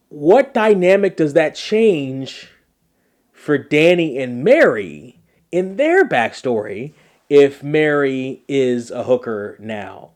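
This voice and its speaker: A man hosting a podcast, recapping a TV episode in a casual, animated way and repeating phrases for emphasis. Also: a little high. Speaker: podcast host.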